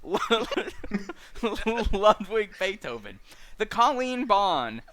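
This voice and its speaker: A man hosting a streamed book club, reading a list of names and chatting casually with lots of fillers and dry asides. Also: high voice. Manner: lively, halting with many fillers, dry asides. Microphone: streaming mic.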